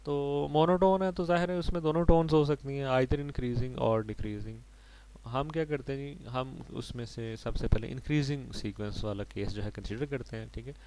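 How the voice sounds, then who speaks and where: A man's voice: medium pitch, normal speed, a little mellow, slight background noise, low-quality recording. A man lecturing on mathematics, explaining each step patiently and checking in with his students as he goes. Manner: explains step by step, mixing English terms and often adding "ठीक है जी". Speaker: maths lecturer. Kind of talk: recorded maths lecture.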